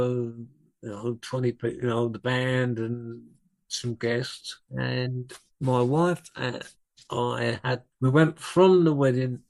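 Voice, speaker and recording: A man's voice: medium pitch, gravelly. An older man, a drummer, telling rambling anecdotes as a guest in a conversation. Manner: rambling, self-correcting anecdotes. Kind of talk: relaxed storytelling in conversation.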